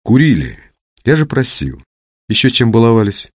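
A man's voice: mid-range voice, sing-song, moderate pace, dry recording, clean studio sound, voice pushed up. A man voicing a jealous, taunting young man.

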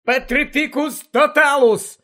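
A man's voice: high-pitched, animated, unhurried, pitched above the performer's own voice, heavily acted. A man voicing a panicked teenage boy wizard, pleading and crying out in desperation. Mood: desperate pleading. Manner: pleading, frantic shouting. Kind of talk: audiobook character voice.

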